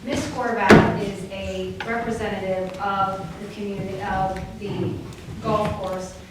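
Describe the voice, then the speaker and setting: Sex: woman. Role: attorney. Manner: argumentative, stammering. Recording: far-off, very echoey hall, loud background noise. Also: medium pitch, fairly even intonation, a little slow. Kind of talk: legal objection at a hearing. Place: township meeting room.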